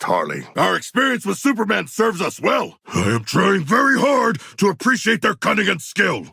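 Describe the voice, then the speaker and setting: A man's voice: lowish voice, vocal fry, pushed and bright, husky, no echo, clean studio sound, heavily acted. A man playing a huge humanoid shark warrior in a video game, earnest and literal-minded, with formal, stilted, grandiose diction and a battle-hungry pride. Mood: matter-of-fact, then commanding. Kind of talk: video game character voice lines.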